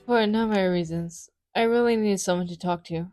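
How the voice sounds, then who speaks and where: A bashful, easily flustered anime student, voiced by a woman in a fan dub. The mid-pitched voice is hesitant and stammering, modest and apologetic, with music playing underneath. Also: a little fast, darkish tone, dry recording, clean studio sound, lightly acted. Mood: shy, confiding. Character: shy, flustered, modest student with secret hobby.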